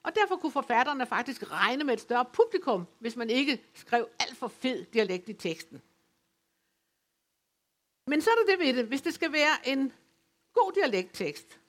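A woman from West Funen giving an academic lecture, speaking in a measured, explanatory way with occasional hesitations. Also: sits high, fairly bright tone. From West Funen, Denmark. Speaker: lecturer on dialect literature. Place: folk high school lecture venue.

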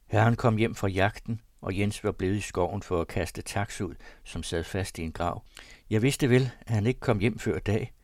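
A man giving a dramatic first-person reading of an old diary, shifting between hushed confession and agitated outbursts. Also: lowish voice, dry recording, studio quality. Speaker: reader.

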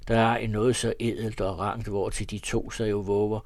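A man reading an old novel aloud in a measured, literary way. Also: lowish voice, level tone, a little mellow, no room sound. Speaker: reader of classic novels.

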